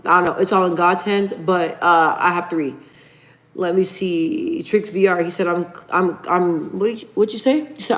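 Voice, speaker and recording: Hosting a casual livestream, a woman in her thirties with a lowish, slightly bright voice chats informally and reads viewers' comments aloud. She's chatty, calls her audience "you guys," and the audio is poor.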